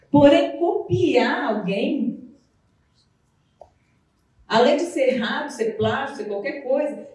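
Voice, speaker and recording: A Brazilian woman from Minas Gerais with a Mineiro accent, giving an animated, chatty motivational talk as a nutritionist, with playful asides. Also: sits high. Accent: Mineiro Brazilian Portuguese. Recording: very echoey room, voice far from the mic.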